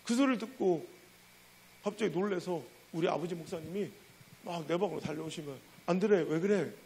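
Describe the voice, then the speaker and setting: Gravelly, high-pitched middle-aged pastor. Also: male voice, brisk, slight background noise, rough recording. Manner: animated, emotional storytelling. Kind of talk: sermon storytelling. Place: church.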